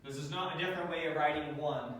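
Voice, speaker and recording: A man's voice: fairly high pitch, fast, a bit bright, slight background noise. A man teaching a math class, lecturing and quizzing students with a dry, joking manner, recorded from the back of a classroom. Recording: echoey classroom taped from far off.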